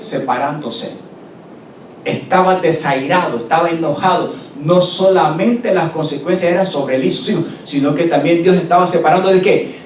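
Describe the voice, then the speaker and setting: A man preaching a sermon, slowing down to stress scripture and calling on the congregation to answer back. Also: a little mellow. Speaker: pastor. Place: church hall. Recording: roomy church recording from a distance, faint rumble.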